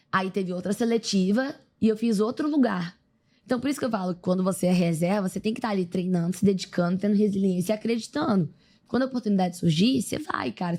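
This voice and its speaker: Lively Brazilian woman telling her story. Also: medium pitch. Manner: lively, animated retelling with quoted voices. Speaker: podcast guest, athlete. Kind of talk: casual storytelling interview.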